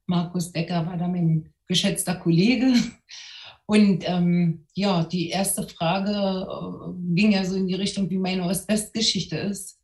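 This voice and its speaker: Speaking as a panel guest in an echoey room, a middle-aged woman journalist from East Berlin, Germany shares her own experiences, thoughtful and often hesitating. She talks slowly in a fairly low, darkish, steady voice.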